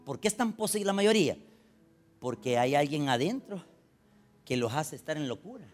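A man preaching a sermon, swinging between loud urgent lines and low confiding storytelling. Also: big pitch swings, moderate pace, faint music behind. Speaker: pastor.

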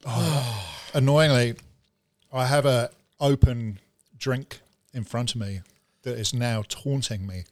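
A man's voice: medium pitch, slow pace, long pauses, no room sound. New man hosting a podcast, dry sound. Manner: jokey, laughing often. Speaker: podcast host. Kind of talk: casual podcast chat.

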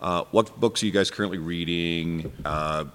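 A man's voice: sits low, normal speed, fairly bright tone, clear, resonant tone. A man hosting a casual podcast chat, ranting heatedly and swearing freely. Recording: long reverb.

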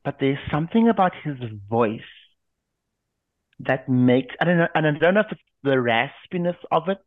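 A man's voice: on the high side, expressive, normal speed, no room sound. A man co-hosting a casual chat, rambling with many restarts and fillers. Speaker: podcast co-host. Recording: tinny phone-like line, dry.

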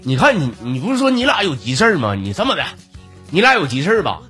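A man's voice: on the high side, huge pitch swings, fast talker, bright, forceful tone, soft background music. A man in his thirties with a Northeastern Chinese accent, hosting a comedy podcast and telling jokes in a chatty, laughing way. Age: 30s. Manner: chatty, joking, laughs between lines. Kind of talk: storytelling jokes.

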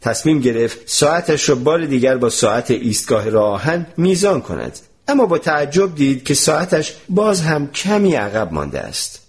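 A man narrating a translated storybook in an expressive, animated reading voice. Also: medium pitch, few pauses.

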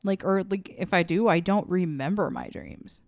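A woman's voice: lowish voice, moderate pace, darkish tone, no echo. A young woman co-hosting a comedy podcast, reacting to her friend's story with gasps, laughs and teasing questions. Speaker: podcast co-host. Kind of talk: casual chat.

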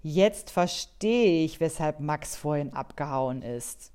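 A woman's voice: low-pitched, lively intonation, slow, dark tone, clear, resonant tone. A woman reading as an earnest little pony girl. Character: curious, pony-loving young girl.

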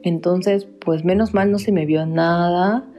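A woman's voice: on the low side, fairly even intonation, a little slow, dark tone, faint music behind. A young woman from Peru with a Peruvian Spanish accent, confiding a personal story directly to her viewers in a casual vlog. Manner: confiding, speaks straight to viewers. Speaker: vlogger.

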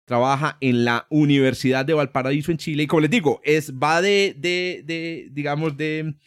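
A man's voice: fairly high pitch, fairly even intonation, moderate pace, smooth, dry recording, clean studio sound. A man hosting a podcast, chatty and hesitant, with many fillers. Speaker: podcast host. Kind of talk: casual podcast chat.

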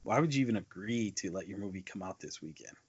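With a fairly low, breathy-edged voice, this movie podcast co-host talks quickly and animatedly, hammering points home by repeating them emphatically. The dull lo-fi audio carries no room sound.

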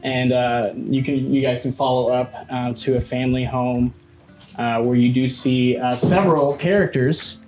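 A man narrating a tabletop game as game master in a casual, halting way. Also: medium pitch, steady tone, a little mellow. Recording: roomy echo, faint music.

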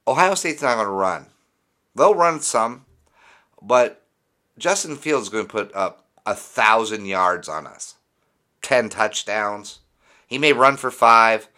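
A man's voice: on the low side, lively intonation, slow pace, pauses often, pushed and bright. A man hosting a fan podcast, ranting in an exasperated, sarcastic way with plenty of swearing. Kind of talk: sports fan rant.

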